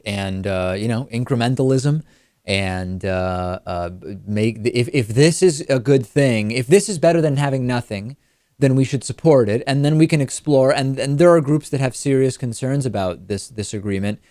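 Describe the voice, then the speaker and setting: A talk show host offers political commentary and analysis in a measured way, qualifying his points as he goes. His medium-pitched voice has a warm tone, recorded dry and close on a studio microphone.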